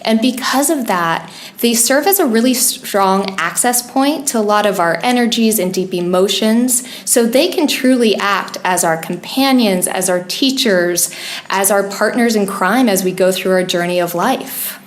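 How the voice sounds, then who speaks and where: A woman of middle pitch talks through pet advice with earnest, patient explanations. Her voice carries a noticeable room echo, as in a roomy podcast recording. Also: unhurried. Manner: earnest, explanatory, laughs easily. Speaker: podcast co-host, pet wellness expert. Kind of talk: casual podcast chat.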